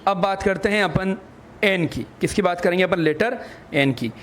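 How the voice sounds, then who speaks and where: High-voiced man teaching letter sounds. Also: normal speed, a bit bright, slight background noise. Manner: spells words letter by letter, asks and answers his own questions; addresses listeners as children. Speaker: English teacher. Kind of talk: classroom phonics lesson.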